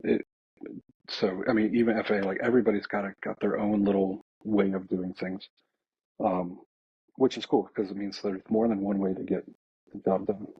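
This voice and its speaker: This American man, an air traffic controller, speaks in a husky, lowish voice with little pitch movement and a moderate pace. The podcast talk is casual, hesitant and reflective, and the voice track sounds slightly dull and lo-fi.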